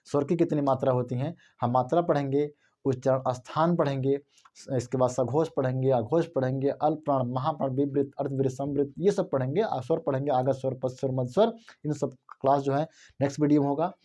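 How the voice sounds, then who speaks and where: A man's voice: medium pitch, fairly even intonation, fairly quick, mellow. A male Hindi teacher giving an explanatory lesson, repeating his points and asking himself rhetorical questions.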